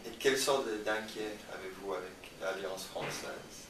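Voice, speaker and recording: Low-voiced man asking questions from afar. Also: a little slow. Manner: short questions and brief acknowledgments. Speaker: student interviewer. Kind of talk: interview questions. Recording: distant, echoey room with noise.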